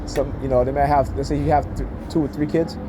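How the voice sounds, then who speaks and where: A man's voice: mid-range voice, steady tone, fast, noisy background. A man giving an informal, opinionated rant, emphatic and often checking in with short questions. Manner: emphatic, repeatedly punctuates points with check-in questions like "right?" and "okay?". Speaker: speaker giving commentary.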